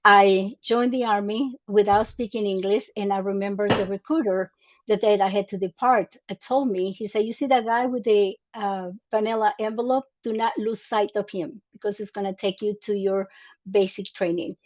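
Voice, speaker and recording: In lo-fi audio, a Mexican woman in her sixties, a native Spanish speaker and Army veteran, earnestly tells her story as an interview guest. Her voice is medium-pitched, steady and a little mellow, at a moderate pace, with many fillers and restarts.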